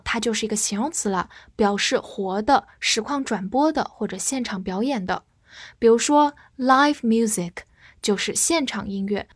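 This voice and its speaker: A woman teaching English vocabulary in a lesson, spelling words letter by letter and slowing down for repetition. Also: on the high side, no echo, clean studio sound. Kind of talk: vocabulary lesson with spelling and slow read-alongs.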